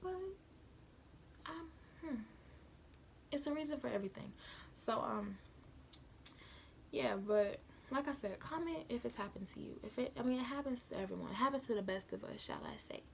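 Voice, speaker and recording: A young woman with a fairly high voice that keeps dropping into gravelly fry, recorded on a phone camera. She tells her story in a chatty, slangy way and plays up the drama. A faint hiss sits behind her. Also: normal speed, long pauses. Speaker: vlogger. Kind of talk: casual storytime.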